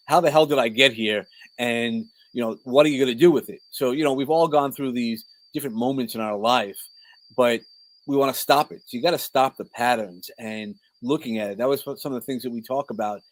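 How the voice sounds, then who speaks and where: On a rough recording, a medium-pitched middle-aged coach and speaker from Brooklyn talks conversationally with a New York accent. As an interview guest he tells personal stories informally, rambling and interrupting himself to rephrase.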